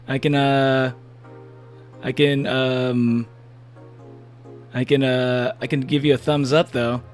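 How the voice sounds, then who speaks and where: His voice is mid-range and fairly flat in pitch, delivered slowly, with faint music in the background. He is casually chatting to viewers as he plays a game live, rambling with plenty of fillers and restarts, and laughing often.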